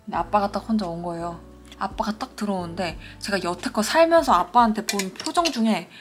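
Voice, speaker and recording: Young female beauty vlogger with a mid-range voice, chatty tutorial delivery, soft music bed. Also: medium pitch, a little fast. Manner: chatty, animated when storytelling, soft asides. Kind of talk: casual makeup tutorial with storytelling. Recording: faint music behind.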